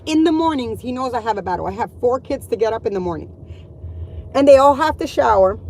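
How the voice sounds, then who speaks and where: Middle-aged mom vlogger, slightly high voice, blunt and foul-mouthed, exasperated rant; faint background hum. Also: female voice, darkish tone, poor audio. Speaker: mother venting to viewers. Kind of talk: ranting vlog monologue.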